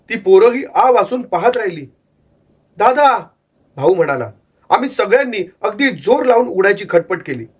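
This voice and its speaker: Husky high-voiced male horror storyteller. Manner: calm, measured storytelling that voices the characters' quoted lines. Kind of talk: first-person horror story narration.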